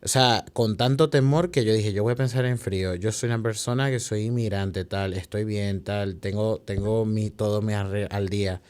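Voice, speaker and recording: On a podcast, a young man from Venezuela describes a rough period in his life, his fairly low voice steady and darkish in tone. Still, he speaks quickly and emotionally, restarting phrases and using tag questions, in an unmistakable Venezuelan Spanish accent.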